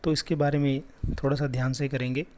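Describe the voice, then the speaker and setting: A man teaching a class lesson, patiently repeating sounds slowly for children. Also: mid-range voice, flat delivery, darkish tone.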